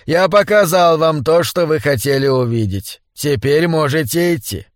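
A man voicing a haughty, bad-tempered old man in a wheelchair, domineering and prone to shouting, in an audiobook. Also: on the high side, animated, normal speed, no room sound, studio quality, lightly acted. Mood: cold, tense. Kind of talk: audiobook character voice.

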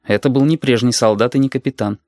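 A man reading a story aloud as the narrator, in a steady storytelling manner. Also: mid-range voice, fast, no echo, studio quality. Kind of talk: audiobook reading.

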